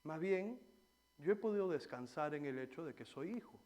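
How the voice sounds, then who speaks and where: A man preaching a sermon in church, swinging between loud exhortation and quiet personal stories. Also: fairly high pitch, lively intonation, moderate pace. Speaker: pastor.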